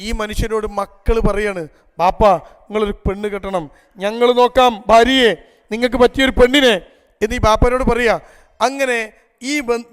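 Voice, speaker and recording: A man's voice: high voice, clear, resonant tone. Man questioning a hall audience. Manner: asks the audience frequent rhetorical questions. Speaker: public speaker. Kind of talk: storytelling family talk to an audience. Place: event hall before a live audience. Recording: long echo of a large hall.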